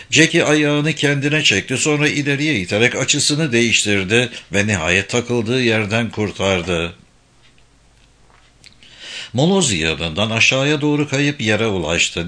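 A man reads a thriller aloud in a steady, suspenseful way. His voice is bright and forward, at a middle pitch. The delivery stays measured, as in a scripted audiobook. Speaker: narrator.

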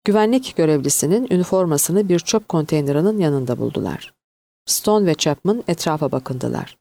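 A woman narrating an audiobook in an expressive, varied reading. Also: deep voice, normal speed, no echo.

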